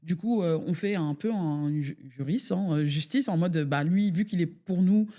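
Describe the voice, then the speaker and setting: A woman's voice: fairly low pitch, normal speed, mellow. A woman, an ecologist activist in a political debate, speaking hesitantly with many fillers.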